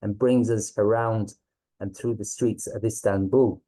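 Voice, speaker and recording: A man with a low, very mellow voice and a west of Ireland accent. He presents informally like a teacher, hesitating as he goes and often checking that listeners follow. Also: fairly even intonation, measured pace, low-quality recording. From Galway, west of Ireland. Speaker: teacher presenting a reading series.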